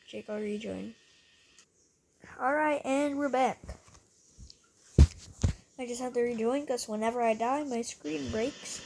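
A young female gamer chatting excitably and getting easily startled while playing a game with friends. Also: on the high side, creaky. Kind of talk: casual gameplay commentary. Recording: noisy home recording.

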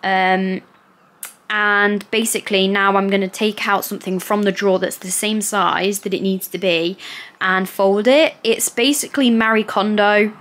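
A woman's voice: mid-range voice, steady tone, normal speed, a bit bright. A woman in her twenties chatting casually to camera in a small bedroom, upbeat and full of fillers. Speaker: lifestyle vlogger. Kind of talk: casual vlog chat to camera. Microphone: camera mic at close range.

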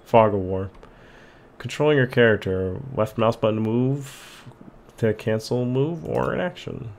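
A gaming channel host plays through a let's play, commenting casually, reading the on-screen text aloud, chuckling and humming along. His medium-pitched voice is animated and a bit dark, with vocal fry, and he speaks at a moderate pace.

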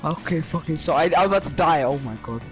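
A man's voice: a little high, expressive, quick pace. A man in casual gaming voice chat, teasing his friend with crude, swearing banter. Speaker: gamer in voice chat. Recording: voice chat over loud music.

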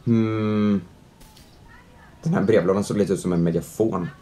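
A young man doing chatty let's-play commentary at home, reading out the game's prompts, joking with it and reacting loudly to scares. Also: on the low side, fairly even intonation, slight background noise. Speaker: gaming youtuber. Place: at home, indoors.

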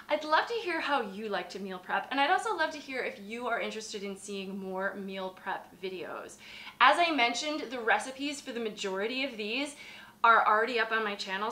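An upbeat woman in her thirties talks straight to the camera, her voice bright and a touch high. She explains things with easy warmth as a dietitian host. The sound carries the echo of a hard-surfaced home kitchen. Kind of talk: friendly cooking explainer. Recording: echoey kitchen.

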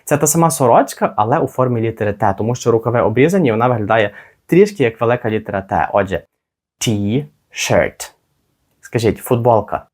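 A man teaching a spoken English lesson, modelling phrases slowly and carefully for listeners to repeat. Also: mid-range voice, animated, a little mellow.

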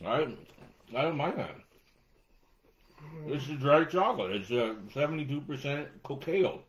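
A man co-hosting a casual snack taste-test chat, joking with quick asides and frequent laughs. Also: fairly high pitch, lively intonation. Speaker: co-host.

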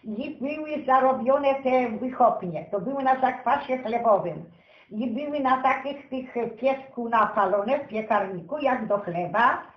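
This storyteller, at least in her seventies, recalls her village childhood without a script, her folksy speech packed with diminutives. Her voice is high, expressive and unhurried, and the recording sounds roomy and slightly muffled.

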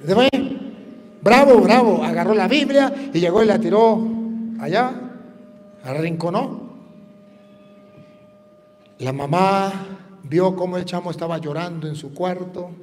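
A priest preaching a sermon, telling a story and acting out its voices, rising to fervent emphasis. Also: male voice, high-pitched, a little slow, long pauses, big-room sound, a little hiss or hum.

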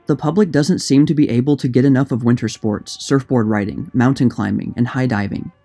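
Male narrator for scripted historical read, mellow tone, mid pitch, light music underneath. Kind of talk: scripted narration, reading a period magazine article.

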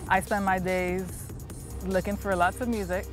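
A woman's voice: mid-range voice, flat delivery, a little slow, music in the background. A woman, a DJ speaking in an easygoing documentary interview outdoors in a park, often saying "you know" and "um". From Trinidad.

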